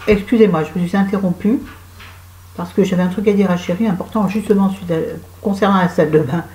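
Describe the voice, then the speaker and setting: A woman's voice: mid-range voice, steady tone, quick pace, a little mellow. Woman with a cold, chatty vlog. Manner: self-mocking, digressive, talks to viewers. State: has a cold, sore throat. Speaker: vlogger. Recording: echoey room.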